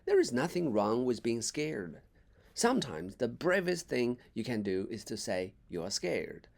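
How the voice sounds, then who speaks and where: A man reading a storybook, voicing a kind, gently firm mother in a soothing tone. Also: mid-range voice, wildly swooping pitch, a little slow, vocal fry, full character voice. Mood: caring.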